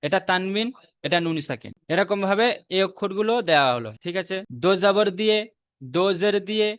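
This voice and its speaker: A man with a Bengali accent teaching Quran reading in a recorded online lesson, repeating rules and slowly drawing out each letter. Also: sits high, fairly bright tone, clear, resonant tone, no room sound. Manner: slow drawn-out spelling of letters, repeats rules for memorizing. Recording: dull muffled lo-fi audio.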